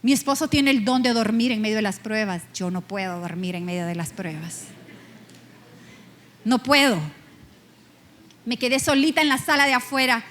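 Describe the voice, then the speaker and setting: A middle-aged woman pastor preaching a personal testimony, emotional and earnest, slowing down for emphasis. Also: on the high side, lively intonation, fairly bright tone. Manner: emotional, personal storytelling with slow emphatic pauses. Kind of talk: sermon testimony.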